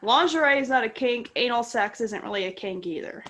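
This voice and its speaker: A woman's voice: fairly high pitch, animated, a little fast, a bit bright. A woman about thirty co-hosting a podcast, chatting frankly and jokingly with many fillers. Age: 30s. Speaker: podcast co-host. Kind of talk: casual chat.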